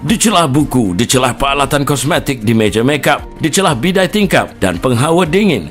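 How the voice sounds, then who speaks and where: A man's voice: medium pitch, sing-song, fairly quick, faint music behind. A man with a Malaysian accent delivering an emphatic, promotional infomercial voice-over as a home-shopping announcer.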